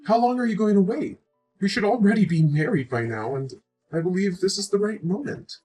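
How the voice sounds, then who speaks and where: Her husky voice is medium-pitched with a dark tone, expressive and a little fast, over soft background music. She's a woman in her twenties acting in a scripted relationship drama as a young woman who just learned she's pregnant, pleading, hurt and reproachful with deep emotion.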